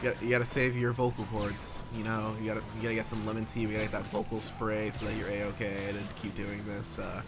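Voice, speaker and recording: A man hosting a stream, chatting excitedly and reading out donations. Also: fairly low pitch, fast talker, few pauses, noisy background. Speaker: stream host. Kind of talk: casual chat. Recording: faint music behind.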